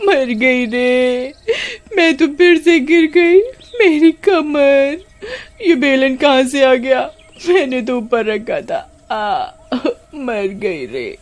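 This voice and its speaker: Shrill, nasty young aunt figure for an animated storybook, voiced by a woman. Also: moderate pace, natural voice. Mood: wailing. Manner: scolding, wailing when hurt. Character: cruel shrill young aunt, short-tempered.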